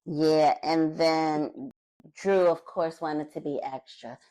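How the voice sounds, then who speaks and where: A woman's voice: low voice, fairly even intonation, takes it slowly, dark tone, no room sound, rough recording. A woman co-hosting a casual reality TV recap, blunt and shady, acting out what people said. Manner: blunt, shady, acts out quotes. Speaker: podcast co-host.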